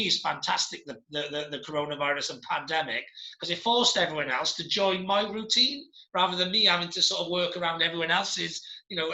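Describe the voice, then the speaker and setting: A man's voice: a little high, sharp tone, echoey room, rough recording. A middle-aged man from Wales hosting a podcast over a video call, chatty and rambling, often restarting his sentences. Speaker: podcast host. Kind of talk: casual interview chat. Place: home office.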